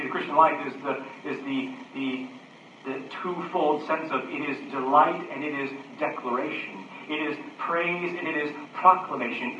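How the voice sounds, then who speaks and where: A man preaching a sermon as pastor, swinging from booming emphasis to hushed near-whispers and driving home repeated rhetorical questions and refrains. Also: slight background noise. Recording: roomy echo, distant lo-fi room recording.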